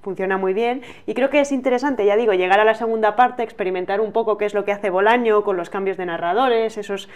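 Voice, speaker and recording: A woman's voice: mid-range voice, fast talker, hardly any pauses. Candid Spanish woman reviewing a book. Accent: Spain Spanish. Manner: candid, laughs easily. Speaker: book channel co-host.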